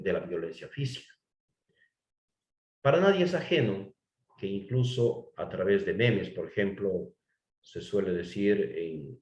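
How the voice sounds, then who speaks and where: A man lectures formally on law in a lowish voice. He talks in a measured way, often restates his phrases and asks rhetorical questions. The room is echoey. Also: a little mellow, dull audio. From Ecuador. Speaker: course lecturer.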